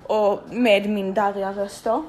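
A young woman telling a story in casual, animated speech, swearing freely and acting out the people she quotes. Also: mid-range voice, slight background noise.

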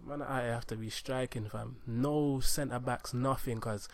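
A man's voice: medium pitch, fairly even intonation, unhurried, vocal fry, a crowd in the background. A young man with a London accent bantering casually with a friend, slangy and often repeating himself. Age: young adult. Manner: slangy, repetitive.

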